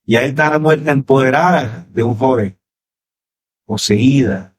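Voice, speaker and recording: A man with a Colombian accent preaching a sermon in church as pastor, swinging sharply in pitch and loudness and tossing rhetorical questions to the congregation. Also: a little slow, breathy edge.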